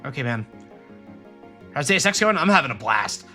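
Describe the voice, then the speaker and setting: His voice takes on a sing-song quality at medium pitch, pushed and bright, at normal speed, with faint music behind. The speaker is a man from Rhode Island in New England, casually commentating a let's-play, rambling, joking, and talking to chat and the screen.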